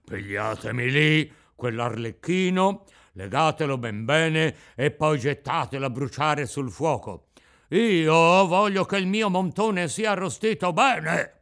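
A man voicing a gruff, bearded puppet-master, loud and rasping, who blusters but is soft-hearted. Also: fairly high pitch, slow pace, voice pushed up. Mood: commanding. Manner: blustering, sneezing fits. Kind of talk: audiobook reading.

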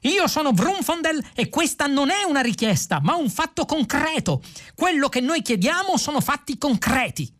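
An audiobook reader voicing a hotheaded young male philosopher with a shrill, shrieking voice who makes insistent, contradictory demands. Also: very animated, normal speed, a bit bright. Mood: shrill demanding. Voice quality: shrieking, screechy.

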